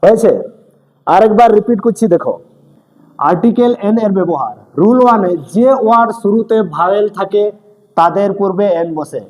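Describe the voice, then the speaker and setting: A man's voice: high-pitched, expressive, normal speed, darkish tone. A male teacher giving a grammar lesson, speaking straight to his students and checking again and again that they follow. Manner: speaks directly to students, mixing in English terms. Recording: echoey room with long reverb.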